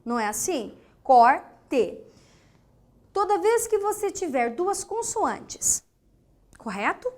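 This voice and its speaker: A woman's voice: very high-pitched, big pitch swings, measured pace. A woman teacher with a Brazilian Portuguese accent giving a grammar lesson, emphatic, repeating key words and checking in with the class.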